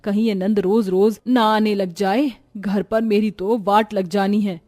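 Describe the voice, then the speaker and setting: A woman's voice: fairly even intonation, a little slow, warm tone, faint music behind, close to an everyday voice. A woman playing a grumbling, fed-up housewife. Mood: flustered. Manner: grumbling and exasperated, pitched lower. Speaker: daughter-in-law character. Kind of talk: cartoon voice acting.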